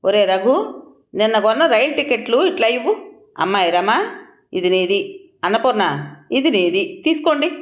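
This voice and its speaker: A woman's voice: medium pitch, roomy sound, lightly acted. A woman voicing a stern elderly father-in-law who gives firm orders in a spoken family story. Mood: decisive. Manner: commanding, gives orders patiently.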